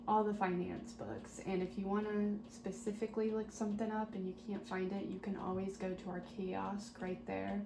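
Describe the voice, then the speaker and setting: A woman doing a soft-spoken, ASMR role-play as a helpful, patient librarian, talking gently and politely as if serving patrons at the desk. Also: medium pitch. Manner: gentle, polite customer-service talk with small murmured asides. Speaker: ASMR performer playing a librarian at a checkout desk. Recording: roomy echo, clear background noise.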